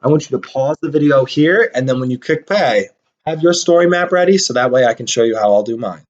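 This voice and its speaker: A man's voice: medium pitch, expressive, brisk. A man teaching young children, talking to them in an upbeat way while he draws. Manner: upbeat, talks to kids while drawing. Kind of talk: reading a storybook and teaching a lesson. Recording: dull lo-fi sound.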